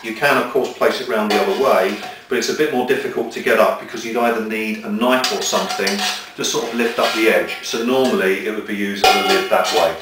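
A middle-aged man with a lowish, steady voice talks a little fast as he methodically demonstrates outdoor cooking gear, handling each item and explaining it step by step at a table in a small indoor room. The mic sits far from him, the room is echoey, and loud music plays in the background.

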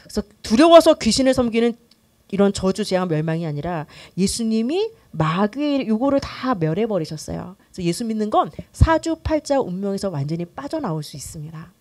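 A middle-aged woman pastor teaching a church class in a lively, conversational way, often acting out quoted voices and using many fillers. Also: medium pitch, fairly quick.

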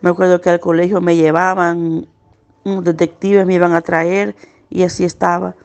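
Creaky-voiced woman giving pained testimony. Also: fairly low pitch, level tone, a little mellow. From El Salvador. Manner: earnest, pained recounting, slowing at hard moments. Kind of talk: personal testimony.

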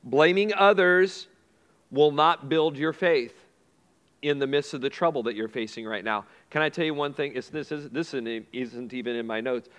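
A man's voice: medium pitch, moderate pace, fairly bright tone, clean tone. A man preaching a sermon in a conversational way, repeating key phrases and asking the congregation questions. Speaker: pastor. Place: church sanctuary. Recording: long hall reverb.

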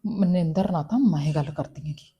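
An actress playing a middle-aged mother who is soft and consoling one moment and loudly scolding the next. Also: mid-range voice, expressive, normal speed, lo-fi sound, lightly acted. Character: stern but caring middle-aged village mother. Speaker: mother and sister-in-law. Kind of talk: Punjabi family drama acting.

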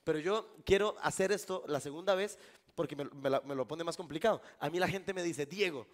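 A man's voice: on the high side, a little fast. A Costa Rican man performing a live magic trick on stage, joking with a volunteer and the crowd. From Costa Rica. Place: live event before an audience.

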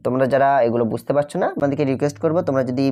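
Patient low-voiced woman teaching grammar. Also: warm tone. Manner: patient, repeats examples slowly; checks understanding with frequent "okay?". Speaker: Arabic teacher. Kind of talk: explaining grammar lesson.

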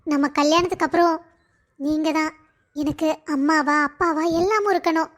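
A woman's voice: high-pitched, steady tone, normal speed, lightly acted. A woman doing an eager young male suitor. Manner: eager, talkative. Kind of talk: cartoon voice acting.

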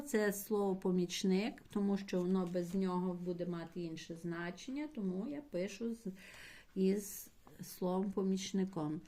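A woman teacher giving a patient primary school language lesson, explaining slowly and spelling out words syllable by syllable for her pupils. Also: mid-range voice, darkish tone. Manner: slow, patient explaining, addressing pupils directly.

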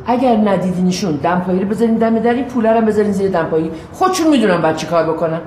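A woman's voice: medium pitch, animated, a little mellow, slight background noise, close to an everyday voice. An actress playing a pushy, overfamiliar woman next door in a sitcom, insistent and chatty. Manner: insistent, overfamiliar, keeps calling her by the wrong name. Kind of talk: sitcom acting. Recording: roomy echo.

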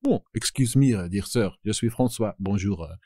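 A man putting on a polite French gentleman. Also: lowish voice, moderate pace, dry recording, clean studio sound, natural voice. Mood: polite, hesitant. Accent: mock French. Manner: hesitant, overly polite.

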